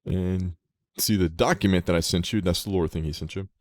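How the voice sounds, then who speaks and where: A man running a tabletop game, narrating in a very low, flat voice. He talks in a relaxed way with small restarts, close and dry on a call microphone. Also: fairly quick, no echo. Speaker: game master.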